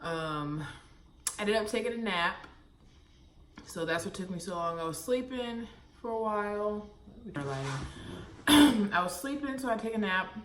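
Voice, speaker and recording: A woman's voice: medium pitch, lively intonation, a little slow, background noise. A young woman vlogging in a casual, rambling way, out of breath and full of fillers. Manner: rambling, chatty, lots of fillers. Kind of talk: casual vlog chat. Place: parked car; home kitchen.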